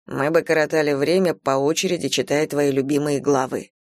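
A woman doing a hushed, teasing young man. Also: low-pitched, fairly even intonation, brisk, no room sound, studio quality, pitched below the performer's own voice, natural voice.

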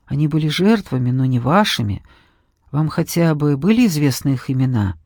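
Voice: mid-range voice, expressive, normal speed, darkish tone, no echo. A reader giving voice to a young woman apprentice mage, pleading and earnest. She speaks with a frightened but determined tone, recorded close and dry. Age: young adult. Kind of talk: audiobook reading.

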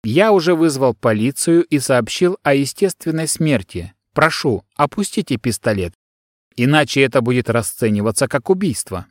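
A man voicing an electronic secretary, soft-spoken, formal and level. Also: mid-range voice, expressive, normal speed, dry recording, clean studio sound, close to an everyday voice. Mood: calm. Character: electronic secretary, male, polite, calm machine.

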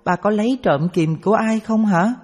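A man's voice: high voice, normal speed, a little mellow, voice pushed up. A man voicing his young schoolgirl daughter, earnest and reproachful, in a story reading. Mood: scolding. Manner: earnest, questioning tone. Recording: reverberant with background music.

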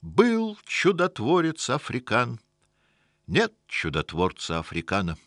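A man's voice: mid-range voice, huge pitch swings, slow pace, a bit bright, dry recording, clean studio sound, voice pushed up, heavily acted. A man voicing a sardonic, weary old miracle-worker. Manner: sardonic, grumbling.

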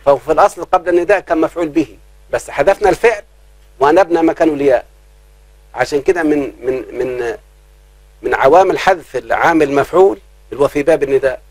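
A man with an Egyptian accent teaching grammar in a live class, checking often whether students follow and drawing out his examples slowly. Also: on the high side, dry recording, poor audio. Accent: Egyptian Arabic. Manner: keeps quizzing students, slows down to drawl examples.

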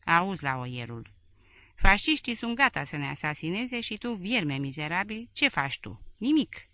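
A woman's voice: lowish voice, big pitch swings, no room sound. A woman voicing a contemptuous older wife who sneers at her husband's aides. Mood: sneering. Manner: sharp, sneering.

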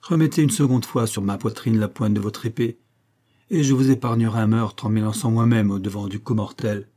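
Male reader as a gentle humble young lover, storybook, soft delivery, dark tone. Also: on the low side, steady tone, fairly quick, lightly acted.

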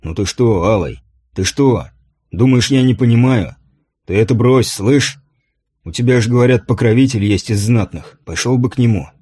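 A man's voice: medium pitch, moderate pace, a little mellow, breathy edge, close to an everyday voice. A man doing a plain-spoken guard sergeant. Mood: coaxing.

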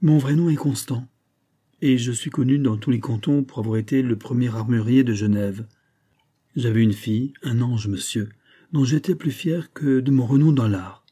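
A man's voice: medium pitch, normal speed, dark tone, breathy edge, close to an everyday voice. A man reading the part of a grieving old gunsmith who confides his sorrow in an emotional, storytelling way. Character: grieving old Genevan gunsmith, tender, despairing.

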